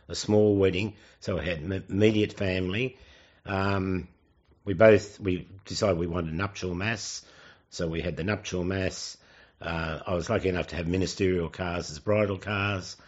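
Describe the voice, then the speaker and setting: Man, 70s, Australian, low pitch. Halting, elderly reminiscing delivery in an interview, slightly muffled recording. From Sydney, Australia. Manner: halting, with hesitant pauses and self-corrections. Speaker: oral history interviewee.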